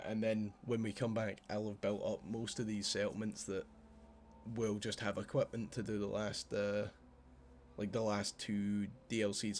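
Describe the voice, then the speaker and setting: With a lowish voice, a man with a Scottish accent plays a video game live and talks loosely with his viewers, swearing plenty as they joke back and forth. There's slight background noise.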